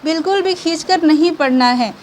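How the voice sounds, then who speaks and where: A young woman with a high voice teaches an online reading lesson. She speaks patiently and keeps checking in with her listeners. She drags each syllable out slowly so every sound is clear, and faint noise sits under her voice. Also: darkish tone.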